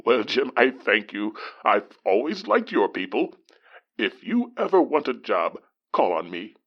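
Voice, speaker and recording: An actor playing a blustering, condescending man with a loud, pompous, indignant manner. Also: mid-range voice, sing-song, a little slow, lo-fi sound.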